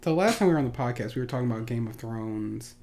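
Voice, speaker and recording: A man's voice: medium pitch, animated, fast, darkish tone. A man hosting a podcast, talking casually and with opinionated enthusiasm. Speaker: podcast host. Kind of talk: casual chat.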